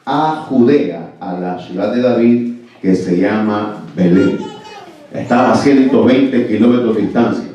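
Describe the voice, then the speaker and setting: A Salvadoran man with a medium-pitched, dark voice preaches a sermon as a pastor, speaking emphatically and frequently asking "amén" and "¿verdad?". The church recording sounds very echoey, distant, and muffled.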